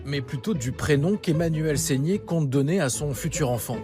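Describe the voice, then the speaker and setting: A man's voice: a little high, lively intonation, normal speed. A man reading scripted documentary narration. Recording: music bed behind voice.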